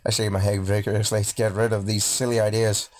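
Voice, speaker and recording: Game music sits behind a man whose fairly low, slightly mellow voice moves fast with little change in pitch. He's doing a let's play, dramatically narrating a visual novel and adding casual, jokey side comments.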